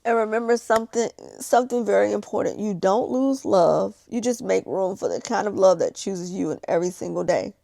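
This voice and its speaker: A woman talks casually and openly, as if confiding in her vlog viewers. Her voice has a noticeable creak and a slightly toothless softness to the consonants. She repeats phrases for emphasis, and the recording is dry with very little room sound. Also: medium pitch, a little fast, hardly any pauses, no echo. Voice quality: missing-teeth, slightly slushy toothless articulation. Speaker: vlogger. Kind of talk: casual confessional vlog chat. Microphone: small handheld vlogging camera.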